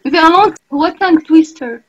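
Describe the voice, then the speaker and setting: A woman hosting an online language club, slowly explaining and checking whether the group follows. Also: very high voice, dull audio. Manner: slow, explanatory, asks the group questions. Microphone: video call.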